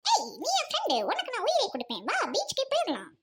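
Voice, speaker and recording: A woman's voice: extremely high pitch, huge pitch swings, fast, background noise, heavily acted. A woman with a Trichy Tamil accent playing a bossy, melodramatic lovestruck young woman in a comedy skit. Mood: dramatic.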